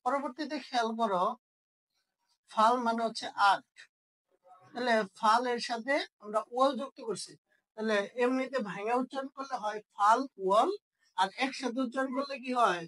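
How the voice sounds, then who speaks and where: A woman's voice: fairly high pitch, normal speed, a bit bright, low-quality recording. Woman teaching, quizzing herself. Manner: asks questions and answers them herself. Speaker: language teacher. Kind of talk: online language lesson.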